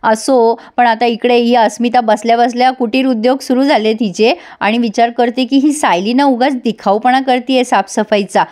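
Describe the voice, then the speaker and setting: A woman's voice: a little high, fairly even intonation, darkish tone. A woman giving a casual, chatty episode recap, talking straight to her viewers. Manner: chatty, addresses viewers, quick laughs. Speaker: serial recap host.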